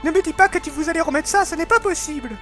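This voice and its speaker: A man's voice: extremely high pitch, quick pace, sharp tone, soft background music, voice pushed up, heavily acted. A man reading a determined young swordsman. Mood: earnest. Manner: plain earnest delivery, own voice.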